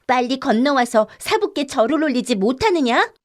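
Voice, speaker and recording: Lady doing a sassy bold young girl, high ringing voice, bossy and teasing, audiobook. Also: very animated, normal speed. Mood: bold shouting. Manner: ringing, cheeky, commanding shouts. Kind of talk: audiobook character reading.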